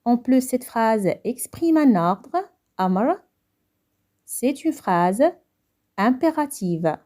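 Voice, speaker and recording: A woman with a Moroccan accent teaching a French grammar lesson, going over each point slowly in French and then quickly again in Moroccan Arabic. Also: a little high, animated, mellow. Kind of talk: grammar lesson explaining exercises.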